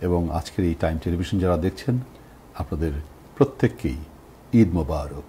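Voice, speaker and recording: A man's voice: deep voice, expressive, normal speed, warm tone, a little hiss or hum. A middle-aged man with a Bangladeshi accent, a talk show guest speaking reflectively and repeating phrases for emphasis. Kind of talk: reflective reminiscing in conversation.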